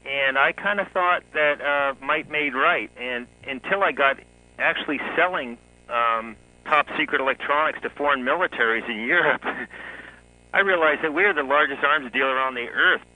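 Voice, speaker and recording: A man in his forties, a guest author, telling his life story in a relaxed interview, often chuckling. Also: medium pitch, normal speed, dry recording, low-quality recording. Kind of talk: conversational interview.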